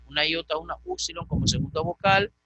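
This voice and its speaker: A man teaching a Greek grammar lecture, patiently repeating and slowly spelling out word forms. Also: fairly high pitch, pushed and bright, dry recording, poor audio.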